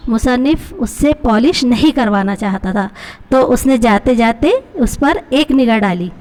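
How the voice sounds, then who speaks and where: Woman, Pakistani accent, teacher, explaining a story lesson, fairly high voice. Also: a little mellow. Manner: explains each line with questions to pupils. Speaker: Urdu teacher.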